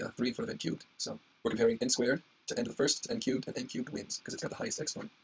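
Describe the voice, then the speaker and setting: A man giving an informal tutorial as an instructor, with a husky, strained voice that is giving out. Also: medium pitch, rough recording. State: losing his voice, hoarse. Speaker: instructor explaining algorithm analysis.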